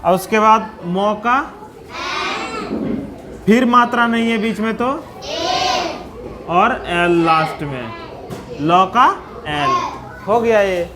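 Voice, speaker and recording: Bihari-accented man, primary-school teacher, slow and patient, breaks words into single sounds. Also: high voice, background noise. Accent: Bihari Hindi. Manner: patient, spells out letters and sounds one by one. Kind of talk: slow classroom explanation for young children.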